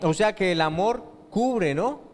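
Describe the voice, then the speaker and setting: A male pastor delivers a sermon, pausing to ask the congregation questions and let them finish his sentences. His voice sits a little high for a man. The sound carries the long reverb of a church hall. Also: animated. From Colombia. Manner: asks rhetorical questions and lets the congregation fill in the answer.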